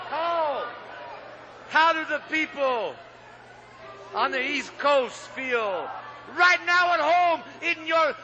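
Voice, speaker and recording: Wrestling promo man, boastful and taunting, slow and drawn out, muffled lo-fi sound. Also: very high-pitched, pushed and bright. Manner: boastful, taunting rhetorical questions. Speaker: pro wrestler. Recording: dull lo-fi arena audio, crowd behind.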